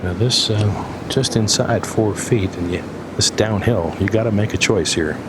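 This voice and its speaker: A man's voice: lowish voice, moderate pace. A man working as an on-course golf commentator, giving live analysis of shots. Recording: very noisy outdoor course ambience.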